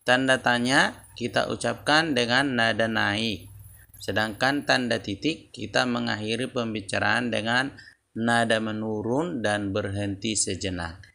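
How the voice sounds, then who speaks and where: A man teaching a lesson to children, explaining slowly and deliberately, repeating key points. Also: lowish voice, gravelly, sharp tone. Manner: slow, deliberate explaining with repetitions.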